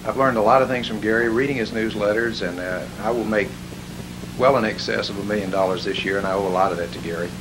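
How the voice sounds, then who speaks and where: A man telling a seminar testimonial as an animated storyteller who chuckles at his own jokes. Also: fairly low pitch, fast talker. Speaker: seminar attendee giving a testimonial. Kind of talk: spoken testimonial. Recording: hissy background noise.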